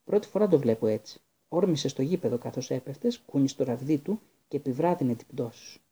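A shaken, clever teenage girl from a storybook, as a male narrator puts her on, speaking in a trembling rush. The voice is raised and slow, with a husky, dark undertone. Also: medium pitch, lively intonation. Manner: trembling, urgent. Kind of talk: audiobook character voice.

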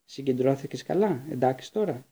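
A kindly yet guarded teacher of magic in a storybook, speaking with a warm, husky, gravelly voice, as a male reader puts him on. He sounds gentle and measured, turning curt at times. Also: medium pitch, lively intonation.

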